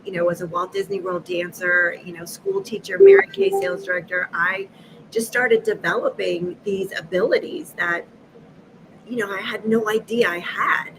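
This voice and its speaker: A woman in her fifties from Massachusetts, a guest on a live video chat, telling stories with lively acted-out dialogue and frequent laughter. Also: mid-range voice, normal speed, background noise. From Massachusetts, USA. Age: 50s. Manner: lively, acts out quoted dialogue, laughs often. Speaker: guest, energy healer. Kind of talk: animated storytelling in a live chat.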